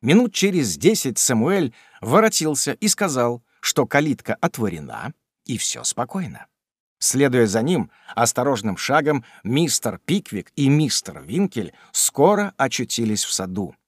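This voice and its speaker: A man narrating a classic novel in an expressive storytelling voice. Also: mid-range voice, unhurried, husky, no room sound, clean studio sound. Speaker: audiobook narrator.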